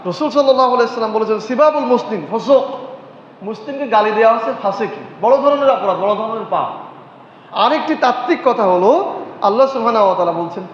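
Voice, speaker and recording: A man's voice: sits high, expressive. A man preaching a sermon, repeating key phrases, asking the audience questions and chanting Arabic verses. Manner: recites Arabic verses and hadith in a slow chant. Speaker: Islamic preacher. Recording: echoey hall, dull lo-fi sound, faint noise.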